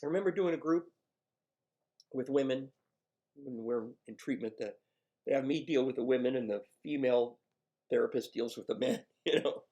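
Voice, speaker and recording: Male addiction counselor, gravelly, gentle and persuasive, one-on-one coaching. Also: medium pitch. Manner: gentle, coaxing, self-mocking.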